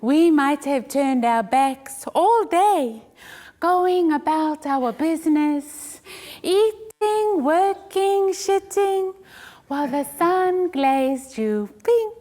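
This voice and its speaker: A woman performs a poem on a theatre stage. Her voice sits high and her delivery is slow and deliberate, with a mocking edge. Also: lively intonation, mellow. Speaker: poet and solo performer. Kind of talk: theatrical spoken-word performance.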